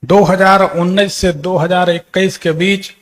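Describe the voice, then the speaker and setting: A man's voice: sits high, steady tone, a little slow. A man giving an astrology consultation, questioning a client and stating predictions with authority.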